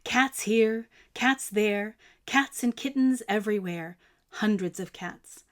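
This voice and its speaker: Reading a picture book aloud, a woman tells the story expressively and emphatically in a medium-pitched voice. She phrases things deliberately for children.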